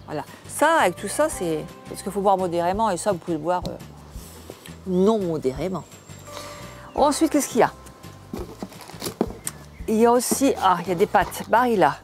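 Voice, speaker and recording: A woman's voice: mid-range voice, very animated, moderate pace, pauses often, a little mellow, soft background music. An older woman hosting a home cooking channel, chatting casually and homely to the camera as she unboxes food, often restarting her words.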